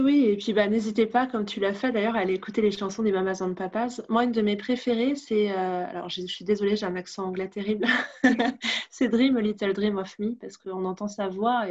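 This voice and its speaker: A woman's voice: mid-range voice, fairly even intonation, fairly quick, darkish tone, lo-fi sound. A woman with a French accent hosting a podcast and chatting casually about books. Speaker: podcast host. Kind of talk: casual book discussion.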